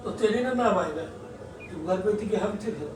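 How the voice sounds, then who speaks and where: A man's voice: high voice, animated, moderate pace, a little mellow, echoey room, distant mic, a little hiss or hum, poor audio. A man, the husband in a couple vlog, talking back in a grumbling, defensive way.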